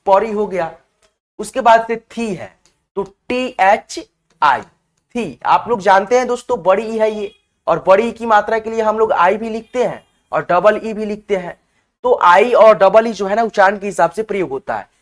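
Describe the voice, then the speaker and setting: A woman teaching spelling, walking her viewers through each word one letter at a time. Her pitch sits in an ordinary middle range, and she keeps pausing to make sure her viewers are following along. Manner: keeps checking in with the viewers as friends. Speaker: online teacher. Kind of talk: step-by-step spelling lesson.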